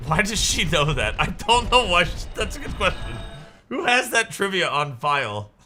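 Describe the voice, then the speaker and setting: A young man streaming a game, chatting casually and joking in a rambling way with sudden excited yelps. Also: high voice, moderate pace, over loud music. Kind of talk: casual chat while gaming.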